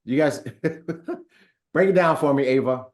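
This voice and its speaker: A man hosts a live online training call for a company, upbeat and chatty, reading viewer comments aloud with plenty of fillers. His voice is slightly high and his pace slow, in the style of casual webinar hosting.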